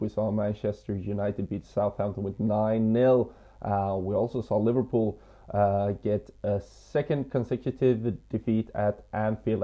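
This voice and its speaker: A man giving football betting tips as an expert tipster, with a hesitant, halting delivery. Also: on the low side. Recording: slightly dull lo-fi audio.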